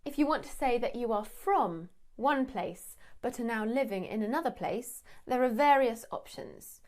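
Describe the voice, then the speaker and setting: A young woman, giving a measured, clearly explained lesson. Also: a little high, expressive, darkish tone. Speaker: English teacher. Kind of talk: scripted English lesson.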